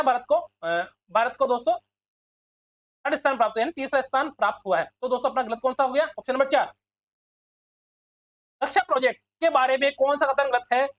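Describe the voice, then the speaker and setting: A male teacher running a quick exam quiz lesson, repeating himself and constantly calling his listeners friends. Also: very high-pitched, a bit bright, dry recording. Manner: fast, repetitive, keeps addressing listeners as friends.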